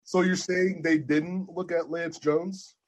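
Husky-voiced man chatting sports. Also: fairly high pitch, steady tone, slow pace. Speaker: podcast co-host. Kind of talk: casual sports chat.

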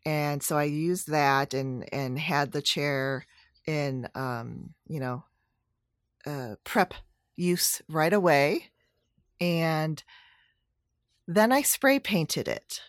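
A woman's voice: sits low, extremely slow, long pauses, dry recording, clean studio sound. A woman chatting casually about a home project, rambling with fillers and self-corrections. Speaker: DIY vlogger. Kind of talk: casual chat.

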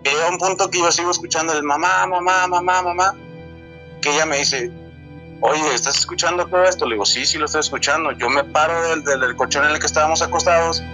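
A man in his twenties with a Mexican accent, telling a true encounter in a halting, repetitive way, often restarting his words. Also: fairly high pitch, pushed and bright, faint music behind, poor audio. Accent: Mexican Spanish. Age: 20s. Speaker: storyteller sharing a true encounter. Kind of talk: casual spoken testimony.

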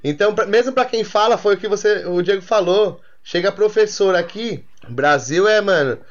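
High-voiced Brazilian man, dull recording. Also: moderate pace. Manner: relaxed, slangy, loose run-on talk. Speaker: podcast host. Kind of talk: casual chat.

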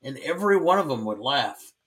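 A male podcast co-host with a bright, forward tone. He tells dry, rambling anecdotes in a relaxed, conversational way. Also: medium pitch, fairly quick. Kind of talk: casual film discussion.

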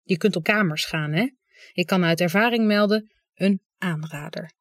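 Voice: mid-range voice, normal speed, no room sound, close to an everyday voice. An audiobook reader voicing a frank young adult sister who talks in a dry, matter-of-fact way. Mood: advising.

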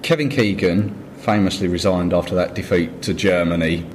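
Low-voiced male interviewer. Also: moderate pace, darkish tone, slight background noise. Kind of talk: conversational interview questions.

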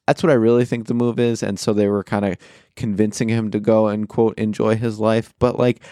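A man co-hosting a podcast in casual chat, wry and cynical with quick quips. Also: on the low side, little pitch movement, mellow, clear, resonant tone, no room sound, studio quality. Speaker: podcast co-host.

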